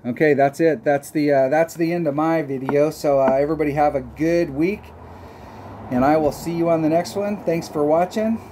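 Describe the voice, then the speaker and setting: A man's voice: on the high side, steady tone, moderate pace, noisy background. A man hosting a casual gaming video, rambling and joking in a crude way with a friend. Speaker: host.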